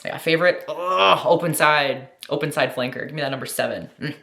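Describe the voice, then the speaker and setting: Answering viewer questions in a casual Q&A vlog, this American woman from the United States is gushing and slangy, swearing liberally and leaning heavily on "like." Her voice is deep and gravelly, her pace fairly quick, with background noise and a roomy echo in the recording.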